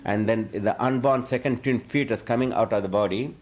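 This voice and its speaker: A spiritual teacher with a medium-pitched, slightly mellow voice talks briskly while taking audience questions at an informal live talk. His answers wander, he restarts sentences a lot, and he chuckles throughout.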